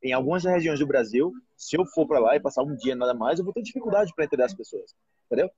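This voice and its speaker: Husky Brazilian man chatting live. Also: medium pitch, fast, no echo, lo-fi sound. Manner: animated, acts out quoted voices. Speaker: Portuguese teacher hosting a live stream. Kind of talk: casual live chat. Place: restaurant.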